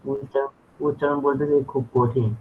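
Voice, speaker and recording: Hesitant man on a tinny line. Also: fairly even intonation. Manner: hesitant, repeating phrases slowly. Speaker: student in the class. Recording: tinny phone-like line with faint rumble.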